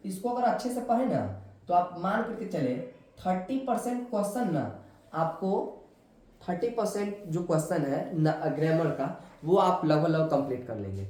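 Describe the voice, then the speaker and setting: Echoey, lively male teacher. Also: high-pitched. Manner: repeats "ठीक ना" often, asks and answers his own questions. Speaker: English teacher. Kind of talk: classroom lesson explaining grammar. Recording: very echoey room.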